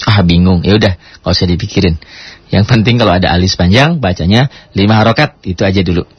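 A man leads a recitation lesson. He stretches single syllables slowly and repeats them again and again, then breaks into quicker explanations. The voice is dry and close, with a dull, lo-fi radio sound. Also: deep voice, slightly rough, dry recording. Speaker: Quran recitation teacher. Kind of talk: tajwid lesson with demonstrated recitation.

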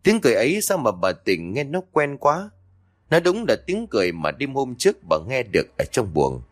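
A man's voice: mid-range voice, wildly swooping pitch, moderate pace, no room sound, clean studio sound. A man narrating a scripted horror story in a dramatic manner.

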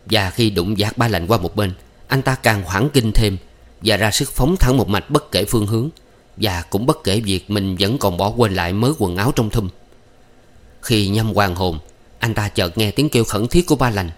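A man narrates a story from a script at a measured, even pace. His voice sits fairly low. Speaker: audiobook narrator.

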